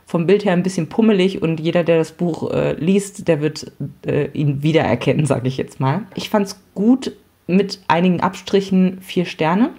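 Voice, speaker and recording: A woman's voice: fairly low pitch, moderate pace, warm tone, husky. A woman hosting a podcast, reviewing a book in a frank, chatty way. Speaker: podcast host.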